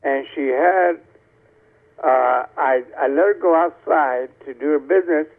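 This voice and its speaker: A man's voice: on the high side, a little slow. A man from Tampa calling in to a show, telling a rambling story over a clipped phone line and correcting himself as he goes. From Tampa, Florida. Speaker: caller. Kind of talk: casual call-in storytelling. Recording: tinny phone call on a TV show.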